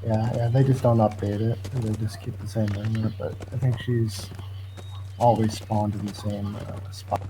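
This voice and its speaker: A man's voice: on the low side, flat delivery, normal speed, noisy background. A man talking casually during a video game in a laid-back, hesitant way. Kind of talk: casual chat while playing a video game.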